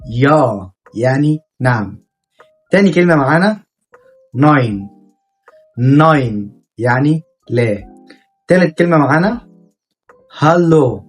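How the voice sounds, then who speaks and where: A man with an Egyptian Arabic accent teaching German vocabulary in a scripted lesson, saying each word and then repeating it slowly with its meaning. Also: on the high side, husky.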